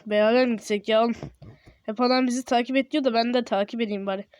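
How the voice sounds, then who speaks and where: A young man with a sore throat giving casual, excitable commentary while playing a game, yelping and exclaiming when startled. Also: very high voice, fast talker, clean tone, no room sound. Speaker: gameplay video host.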